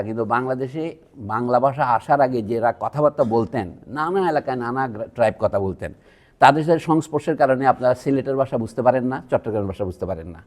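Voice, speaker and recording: A man from Bangladesh delivers a public university lecture in a museum hall, speaking in a digressive, conversational way with asides to the audience. His voice is medium-pitched and a little mellow.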